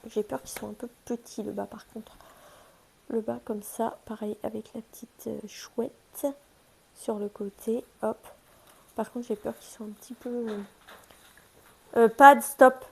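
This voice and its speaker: A woman's voice: mid-range voice, dark tone, slight background noise. A young woman chatting casually through a shopping haul vlog, chatty and self-mocking, talking to her pets between items. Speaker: haul vlogger.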